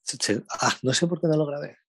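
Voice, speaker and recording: A young man from Spain with a Spanish accent, telling a slangy, animated anecdote in casual chat. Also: on the high side, a little fast, husky. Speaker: storyteller.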